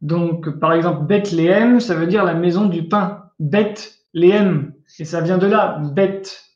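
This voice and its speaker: A man teaching an online class at a deliberately slow pace, repeating key points and pausing to make sure everyone follows. His voice comes through a muffled, lo-fi video-call connection. The room around him rings with echo. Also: sits high. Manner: patient, repetitive, often checks understanding with asides. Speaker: Coptic language teacher. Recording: echoey room, dull lo-fi sound.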